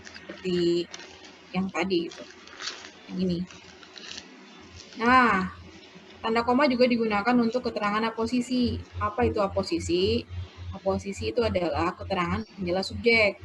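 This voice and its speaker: A woman teacher giving a lesson, explaining slowly and dictating example sentences aloud. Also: mid-range voice, a bit bright. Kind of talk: classroom lecture on punctuation. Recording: noisy background.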